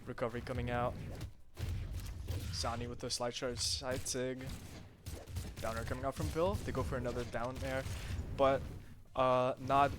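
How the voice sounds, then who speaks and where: Against a noisy background, a mid-range male esports caster calls a live online tournament fast and excitedly, peppering his play-by-play with fillers and casual swearing. When matches break, he chats loosely with the stream chat.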